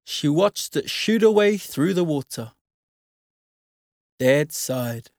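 A narrator reading a children's storybook aloud in a slow, expressive way. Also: mid-range voice, dry recording, clean studio sound.

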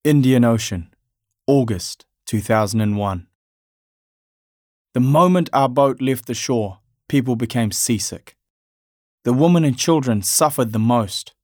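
A man from Afghanistan narrating his family's story in a measured, reflective way. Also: mid-range voice, darkish tone, dry recording, clean studio sound.

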